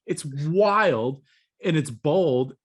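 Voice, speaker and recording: A man's voice: fairly high pitch, animated, extremely slow, husky. A man co-hosting a review podcast in a laid-back, slangy way, often repeating words. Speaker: podcast co-host. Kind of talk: casual review chat.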